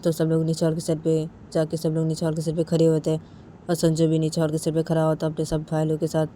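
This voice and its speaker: A woman's voice: low-pitched, completely flat delivery, fast, dark tone, a little hiss or hum. A woman narrating a romantic story in a casual, repetitive retelling manner.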